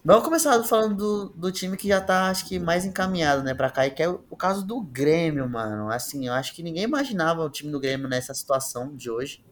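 A man's voice: a little high, lively intonation, fairly quick, few pauses, slight background noise. A man with a Brazilian Portuguese accent hosting a football talk, chatting informally and with plenty of slang, as if among friends. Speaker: football podcast host. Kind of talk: casual chat among friends.

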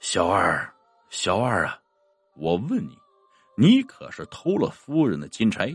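A quaking old squire who paints horses, voiced by a storyteller, stammering and rushing his words. The voice is a little husky and dry, and it rises and falls widely. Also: fairly low pitch, wildly swooping pitch, dry recording, soft background music, pitched below the performer's own voice, exaggerated voice. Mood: pleading. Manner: stammering and trembling. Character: frightened old male painter, a wealthy squire.

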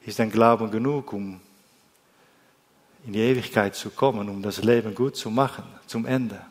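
A man from the Netherlands, preaching a sermon in German, slow and deliberate, with phrases that often drop to a soft low ending. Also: fairly even intonation. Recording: long hall reverb.

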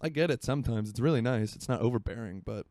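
A man's voice: mid-range voice, fast talker, a little mellow, no room sound, studio quality. A man in his twenties from Florida, hosting a solo podcast in rambling, self-mocking casual chat from his home by a marina. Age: 20s. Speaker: podcast host.

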